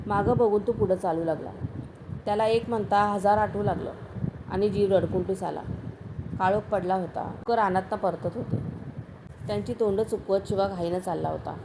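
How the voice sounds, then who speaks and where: A woman's voice: medium pitch, moderate pace, background noise. Woman reading a story steadily. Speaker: story reader. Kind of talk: scripted story narration.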